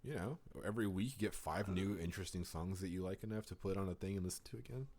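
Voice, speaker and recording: Deep-voiced guy on a podcast, rambling casually, tons of fillers. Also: quick pace. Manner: rambling, animated storytelling with many fillers. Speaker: podcast co-host. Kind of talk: casual chat.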